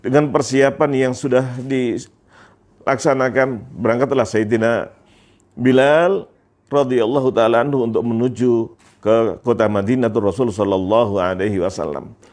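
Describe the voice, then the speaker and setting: A preacher from Indonesia telling a moving story in an emotional sermon, repeating phrases with feeling. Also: male voice, medium pitch, unhurried, a little mellow. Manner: repetitive, emotive narration with religious phrases.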